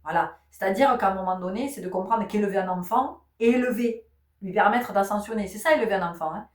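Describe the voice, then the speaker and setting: A woman's voice: mid-range voice, brisk, far from the mic. Emphatic woman teaching in a roomy space. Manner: emphatic, repeats key words, many rhetorical questions; says she is not giving medical advice. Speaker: spiritual channel host. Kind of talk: spiritual teaching talk to an audience. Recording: roomy sound, voice set back from the mic.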